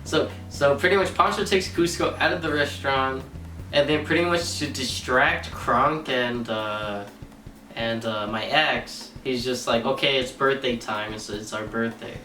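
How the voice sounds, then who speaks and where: A drunk man casually retelling a movie, halting and leaning on the same stock phrases again and again. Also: medium pitch, pushed and bright. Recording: roomy, distant mic, faint music.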